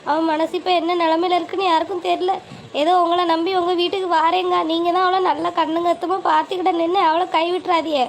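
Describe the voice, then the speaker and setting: A woman's voice: extremely high pitch, little pitch movement, fast. A woman voicing a worried older village mother. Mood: anxious pleading. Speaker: mother in an animated family drama. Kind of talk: cartoon voice acting. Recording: faint ambient noise.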